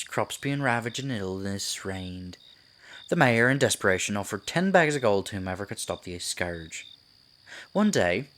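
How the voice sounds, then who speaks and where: A man playing a sinister, silky Pied Piper in an ASMR roleplay, a theatrical storyteller who coaxes and condescends with deliberate delivery. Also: fairly low pitch, a bit bright, slight background noise. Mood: storytelling, ominous. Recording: night insects and forest ambience behind. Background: crickets, night forest ambience.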